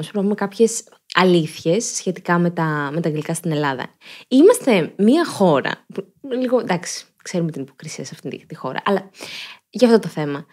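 A woman's voice: on the low side, darkish tone. Joking woman podcast host. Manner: chatty, joking, ironic asides. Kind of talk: casual chat.

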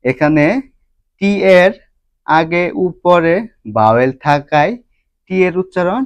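Guy teaching pronunciation rules, real slow and careful, kinda high voice, dry close sound. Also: smooth, no room sound, dull audio. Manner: slow, deliberate, repeats each rule twice. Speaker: English teacher. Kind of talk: slow scripted grammar lesson.

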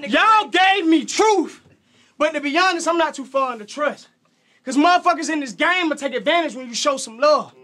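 Man, Southern US country accent, battle rap, shouted aggressive bars, very high voice. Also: brisk. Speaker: battle rapper. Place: live battle event with a crowd.

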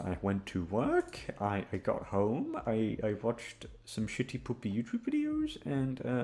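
Music plays under a young man's fairly low, darkish voice. An audio roleplay voice actor, he chats to his listeners in a rambling, hesitant way, swearing and running himself down.

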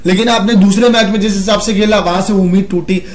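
A man with a high voice co-hosts a casual cricket chat. He argues his analysis earnestly. The room around him is echoey. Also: steady tone, fast talker. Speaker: cricket show co-host.

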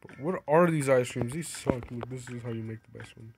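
A man's voice: medium pitch, fairly quick, music in the background. A young man who is sick, casually narrating his game in a rambling, playful, self-mocking way. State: sick, coughing. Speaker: gaming vlogger. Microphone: phone screen recording.

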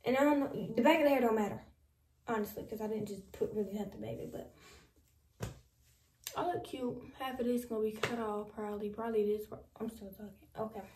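Young woman vlogger, twenties, casual and playful, slightly high voice, recorded in an echoey bedroom. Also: fairly quick, distant mic, background noise. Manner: chatty, playful, slangy, addresses viewers as y'all. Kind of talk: casual vlog chat. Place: small bedroom indoors.

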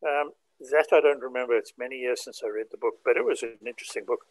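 A man's voice: mid-range voice, quick pace, rough recording. A man chatting on a video call, explaining things in a thoughtful way. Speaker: panel member. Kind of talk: casual chat.

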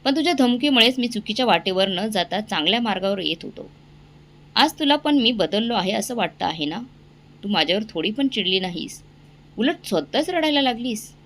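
A woman's voice: mid-range voice, lively intonation, normal speed, a bit bright. A woman voicing a remorseful young man pleading emotionally with his family.

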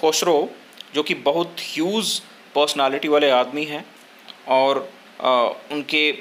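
A young man, explaining a story line by line in a lesson, pausing often with fillers. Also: on the high side, a bit bright, slight background noise. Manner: slow, hesitant explaining with frequent filler pauses. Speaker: teacher.

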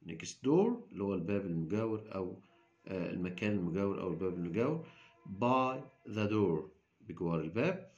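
A man with an Egyptian Arabic accent teaching English to children, repeating each word slowly and switching between Arabic explanations and English. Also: low voice, animated, a little mellow, muffled recording. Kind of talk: classroom vocabulary lesson.

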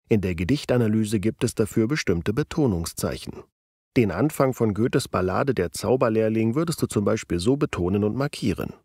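A man narrating a scripted educational video, explaining clearly and deliberately. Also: lowish voice, a little mellow, no echo, studio quality. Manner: clear, deliberate explaining, slowing down to read verse with stressed syllables.

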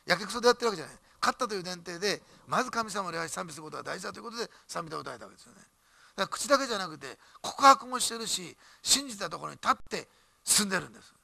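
Pastor guy preaching super fast, gravelly husky voice, animated and joking around. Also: high-pitched, dry recording. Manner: animated, emphatic preaching with jokes and asides. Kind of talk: sermon. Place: church.

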